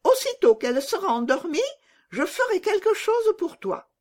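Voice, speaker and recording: A woman voicing a fierce, wild little robber girl in a children's storybook reading, with a shrill, bossy, menacing manner. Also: big pitch swings, moderate pace, darkish tone. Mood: scheming.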